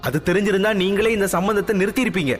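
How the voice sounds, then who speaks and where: A man voicing a proud, quick-tempered young princess who talks high, fast and indignant. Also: in a large hall, soft background music, lightly acted.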